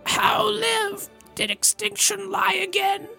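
A man voicing an excitable, wondering park guest in a comedic script reading. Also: very high voice, slow pace, creaky, faint music behind, voice pushed up, heavily acted, poor audio. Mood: amazed, breathless.

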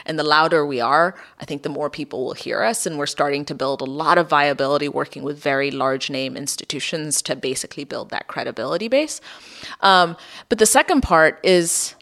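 A woman's voice: sits low, brisk, fairly bright tone. A woman from Ethiopia, a company founder, explaining her work in a podcast interview and often adding "right?".

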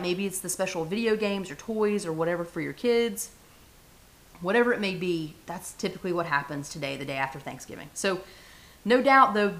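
A woman's voice: mid-range voice, a bit bright. A woman hosting her own podcast, talking straight to her listeners in an upbeat, chatty way about leadership and life. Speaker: podcast host. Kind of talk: solo motivational podcast talk.

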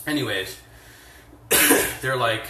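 Slow-paced and sharp-toned in a mid-range voice, a podcast host rambles profanely and bluntly with lots of fillers as he does household chores. He records on a phone held away from him, no headset, so the sound is distant and echoes around the room.

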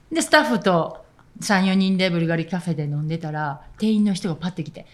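A woman with a Kansai Japanese accent, co-hosting a podcast as a school's CEO, relaxed in casual chat and often agreeing with short replies. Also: fairly low pitch, quick pace.

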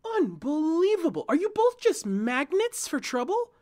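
A terse young woman in an audiobook story, her lines clipped, low and dry, as a male narrator puts her on. Her sharp-tongued, no-nonsense temper comes through in a lively voice that rises and falls. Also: normal speed, lightly acted. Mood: exasperated shout.

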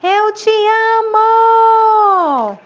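High far-off mountain echo, a woman doing it, slow drawn-out calls, muffled lo-fi sound. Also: animated, full character voice. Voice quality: high, slow, called out from afar. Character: echo from a mountain, repeating every shout.

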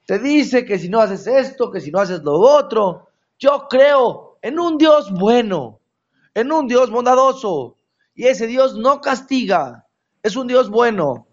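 A man's voice: expressive, takes it slowly, lo-fi sound, exaggerated voice. A man voicing a secular man who complains indignantly that preachers only frighten people, in a raised, emphatic voice. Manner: high, emphatic, protesting.

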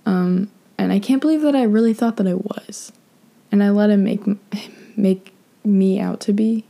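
A young woman talks casually and frankly on her podcast, swearing often and wandering through her thoughts. Her voice is mellow and dark, with a gravelly, creaky texture. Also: medium pitch, normal speed. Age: young adult. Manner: frank, profane, rambling with many fillers. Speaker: podcast host. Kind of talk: casual advice monologue.

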